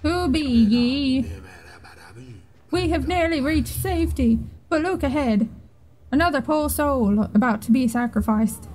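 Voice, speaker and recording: A woman's voice: on the high side, normal speed, mellow, lightly acted, rough recording. A woman voicing a male mole-like guide creature from a video game, reading its lines in a made-up accent that drifts around. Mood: solemn. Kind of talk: reading game dialogue aloud.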